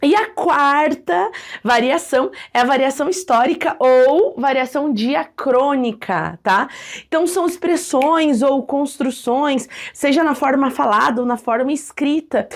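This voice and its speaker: High-voiced, playful teacher. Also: female voice. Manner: lively, playful, acts out examples. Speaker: Portuguese language teacher. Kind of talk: educational video lesson.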